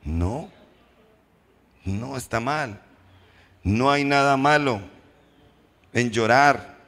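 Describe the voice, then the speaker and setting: A man preaching a sermon as pastor, posing questions to the congregation and slowing down for emphatic repetitions. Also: medium pitch, fairly bright tone. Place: church hall. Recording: reverberant church hall.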